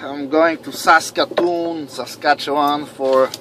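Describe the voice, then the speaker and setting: Late at night in his truck cab, a man in his thirties from Canada records a casual vlog diary in accented English, a language that isn't his first, drifting from topic to topic, cursing and mocking himself. He talks slowly in a slightly high, steady voice over a noisy background.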